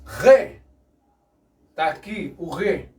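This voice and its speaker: A man's voice: high voice, expressive, a little slow, distant mic. A man preaching and explaining scripture, asking his listeners rhetorical questions. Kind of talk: sermon-style Bible teaching.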